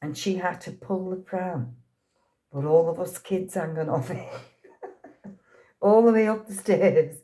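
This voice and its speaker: Taking it slowly with long pauses, a mellow, fairly low-pitched woman tells anecdotes and laughs frequently. She's a Liverpool actress in her sixties, speaking in a Liverpool accent during a casual storytelling interview.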